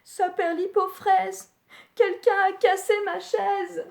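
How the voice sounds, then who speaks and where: A woman's voice: very high voice, little pitch movement, slow pace, vocal fry, darkish tone, voice pushed up, heavily acted. A woman reading aloud who voices a sad little bear cub in a storybook, whimpering.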